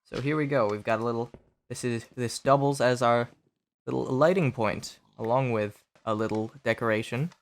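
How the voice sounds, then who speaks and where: A man who sounds sick, hosting his gaming channel with easygoing, rambling gameplay commentary full of pauses. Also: mid-range voice. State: sick, stuffy voice.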